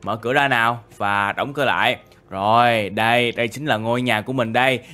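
A man's voice: medium pitch, fairly even intonation, fairly quick, pushed and bright. A young man, narrating a game story in a chatty, exclaiming way. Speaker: gaming YouTuber. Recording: faint background music.

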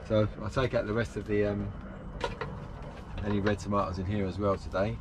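A man in his fifties with a fairly low voice talks in a relaxed, easygoing way as he works outdoors, pausing with ums while he thinks aloud. The camera sits close by in the open air. Clear outdoor noise from birds and traffic runs underneath. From England. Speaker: allotment gardener and channel host. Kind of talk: casual gardening vlog. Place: outdoor allotment and polytunnel.

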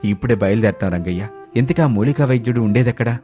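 A man's voice: lowish voice, fast talker, mellow, soft background music, natural voice. A man doing a kind, pleading rich landlord. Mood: eager.

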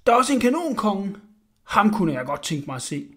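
A man voicing an eager, know-it-all village boy in a storybook, explaining quickly in a higher voice. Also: big pitch swings.

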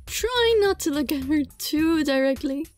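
Reading a visual novel aloud for her gaming video, this woman speaks high and a little slowly, dramatizing the lines and adding giggly asides. Game music runs underneath her voice.

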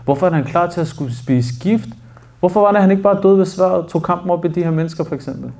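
Animated man preaching a sermon. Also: high-pitched. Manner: animated storytelling, acts out quoted speech. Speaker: sheikh. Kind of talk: sermon storytelling. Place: mosque.

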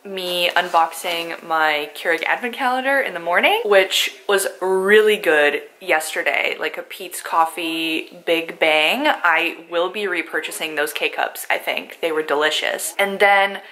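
In a self-mocking vlog shot close up on a handheld camera, a young Polish woman in her twenties chats from her apartment, car and a store. Her voice is lowish, sharp-toned and slightly hoarse, unhurried with few pauses, and laced with likes and ums.

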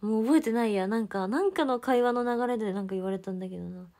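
Young woman, casual livestream chat w/ viewers, giggly, goes soft then perks up. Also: a little high, fast talker. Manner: chatty and giggly, drifting between soft murmurs and brighter exclamations. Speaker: idol livestreamer.

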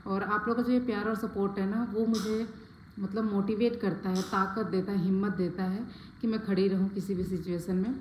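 A woman's voice: medium pitch, steady tone, a little fast, darkish tone, slight background noise. Chatty woman vlogging in an echoey room. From Faridabad, India. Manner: chatty, talks straight to viewers, many fillers. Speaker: family vlogger. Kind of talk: casual vlog chat to viewers. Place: at home, packing indoors.

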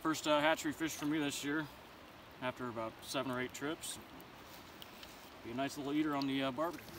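A young man with a medium-pitched voice talks fairly quickly, walking through how he ties his fishing rig on a riverbank step by step. He's a fishing vlogger giving a casual how-to in a relaxed, plain, slangy style. The camera mic sits a few feet away outdoors, picking up steady background noise.

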